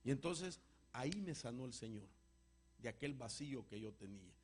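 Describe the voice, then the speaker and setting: A man preaching and answering a question with a personal testimony, an emotional storyteller whose voice swings from loud to hushed. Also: medium pitch, animated, moderate pace, breathy edge. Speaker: apostle answering congregation questions.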